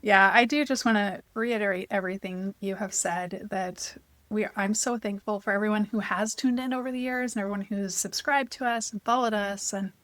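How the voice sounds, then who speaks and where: A woman co-hosting a travel podcast in casual chat, agreeable and quick to laugh, often echoing her partner. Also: medium pitch, fairly even intonation, fairly bright tone. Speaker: podcast co-host.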